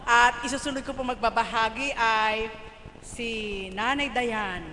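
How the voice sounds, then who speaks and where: A woman leading a church gathering, lively, calling out questions to the congregation. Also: fairly high pitch, a little slow. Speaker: worship leader. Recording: echoey hall with faint noise.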